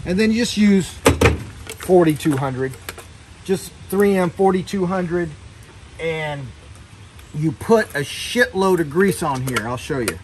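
A man's voice: a little high, lively intonation, takes it slowly, pauses often, a little hiss or hum. A middle-aged man in a boatyard, talking plainly through a hands-on boat repair as he works under the hull. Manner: plainspoken, hands-on explaining while working. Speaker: boat owner showing repair work. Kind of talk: casual how-to narration.

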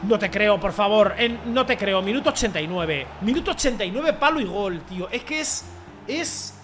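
A young man streams his football game with a very high voice. He mutters complaints, then bursts into shouts at every goal and miss. Music plays faintly behind him. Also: expressive, normal speed. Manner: rants, pleads and shouts at the game, swings from mutters to yells. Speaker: gaming streamer. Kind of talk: excited gameplay commentary.

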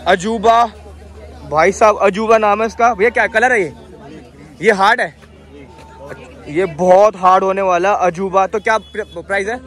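A young man vlogs on his phone, held at arm's length, while strolling a busy outdoor street market, chatting with sellers and repeating each price to the camera. His voice sits high and fairly bright, with fairly even intonation and a moderate pace broken by frequent pauses. A faint crowd murmurs behind him.

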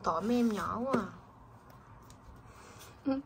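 A young woman at home, gently asking her child questions in a casual home video. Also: mid-range voice, lively intonation, a little slow, gravelly, slight background noise. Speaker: parent talking with her child.

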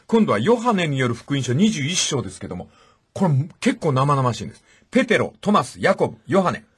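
A man's voice: a little high, sing-song, quick pace, slightly rough. A male radio host who tells stories with animation and acts out the voices in them. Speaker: radio talk show host. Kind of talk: animated storytelling commentary.

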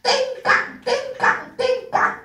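A woman voicing a sly puppet that tempts a child to misbehave, coaxing and teasing with drawn-out groans in a live children's puppet show. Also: very high voice, animated, sharp tone, heavily acted. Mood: egging on. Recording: roomy sound from a far camera.

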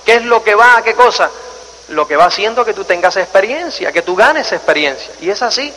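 A man's voice: high voice, a little fast. A man giving a live motivational seminar, telling stories animatedly and firing rhetorical questions at the audience. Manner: animated storyteller, acts out scenes and asks the audience rhetorical questions. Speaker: motivational speaker. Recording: reverberant hall with faint noise.

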